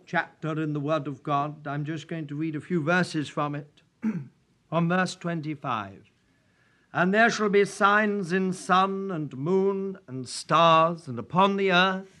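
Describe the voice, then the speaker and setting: A man preaching in a church, praying and reading scripture in a solemn, measured way at a pulpit microphone. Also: on the high side, sharp tone. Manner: solemn and measured, old-fashioned prayer wording. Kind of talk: sermon with prayer and scripture reading.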